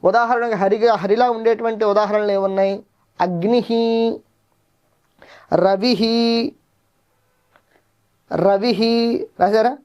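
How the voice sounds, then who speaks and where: A man teaching a language lesson, reciting word forms one by one in measured drills and asking his pupils questions. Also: high-pitched, steady tone. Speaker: Sanskrit teacher. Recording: dull lo-fi recording.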